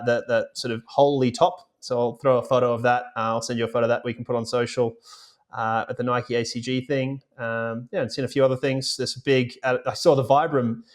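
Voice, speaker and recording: A man co-hosting and producing a podcast, chatting casually and telling rambling stories with many fillers. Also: medium pitch. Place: remote, recording away from home.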